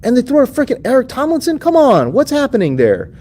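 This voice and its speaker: A man hosting a fantasy football advice show in a casual question-and-answer style. He is excitable and slangy, and he swings between loud outbursts and mumbled asides. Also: very high voice, brisk, slight background noise.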